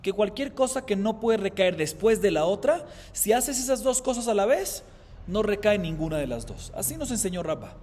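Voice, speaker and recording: A man, a rabbi, teaching a Talmud class, explaining by asking and answering his own questions and chanting Aramaic quotations slowly. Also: high voice, very animated, darkish tone, big-room sound. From Colombia.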